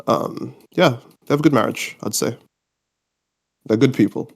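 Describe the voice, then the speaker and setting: A man's voice: medium pitch, moderate pace, vocal fry, slightly rough. A twenty-year-old man from Australia, born in Mauritius, chatting casually in an informal, rambling way as a podcast guest. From Australia, born in Mauritius, lived in UK. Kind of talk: casual chat.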